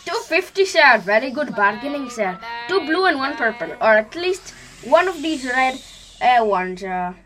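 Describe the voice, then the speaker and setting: A woman's voice: high voice, big pitch swings, moderate pace, a crowd in the background. A woman playing an eager, deferential Indian male tour guide with an Indian accent and polite broken English, in a comedy drama. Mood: cheerful, obliging.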